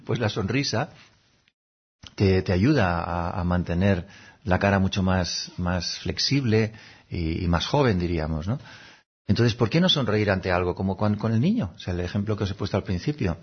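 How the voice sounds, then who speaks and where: A man speaks in a calm, reflective way, his voice husky and fairly low. He talks unhurriedly and drops into playful little voices for his examples. The recording sounds dull and lo-fi. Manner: gentle, unhurried, acts out little voices and laughs now and then. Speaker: speaker giving a talk on habits. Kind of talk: reflective spoken talk.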